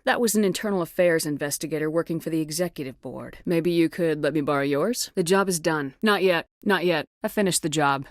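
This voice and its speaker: Woman acting a tough space commander lady from a game, kinda low voice, businesslike and clipped, super dry sound. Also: dry recording, natural voice. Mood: cool, guarded. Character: tough, no-nonsense female military space commander. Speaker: video game protagonist. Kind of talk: video game dialogue acting.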